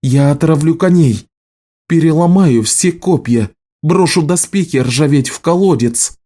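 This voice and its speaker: An anxious, pleading wife in a storybook, put on by a man reading aloud. The voice rides high above the reader's own, raised and scolding. Underneath, the timbre stays dark and mellow. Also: moderate pace, slightly rough. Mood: angry, pleading.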